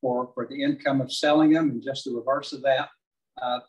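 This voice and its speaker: A man's voice: medium pitch, steady tone. Middle-aged Texan man presenting from a distance. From southeast Texas. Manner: measured, frequent "uh" fillers. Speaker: beekeeping presenter. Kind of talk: club presentation talk. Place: large meeting hall with projector. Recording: distant room recording.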